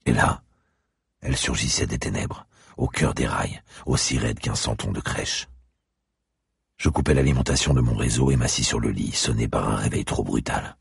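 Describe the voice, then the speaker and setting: Male audiobook narrator, first person, very low and gravelly, slow brooding reads, dry booth sound. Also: dry recording. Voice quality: gravelly, husky, very deep. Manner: slow, brooding delivery, rises sharply in his spoken lines.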